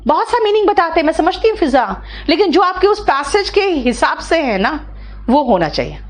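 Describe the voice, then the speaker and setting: A woman's voice: extremely high pitch, sing-song, brisk. A middle-aged woman, teaching vocabulary in an online class and coaxing her students step by step. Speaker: English teacher.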